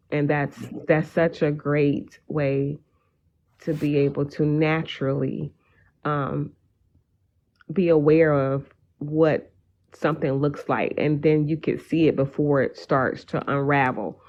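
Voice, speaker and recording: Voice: medium pitch, lo-fi sound, a little hiss or hum. A guest on a live stream speaking earnestly in casual conversation, meandering through long sentences with many fillers.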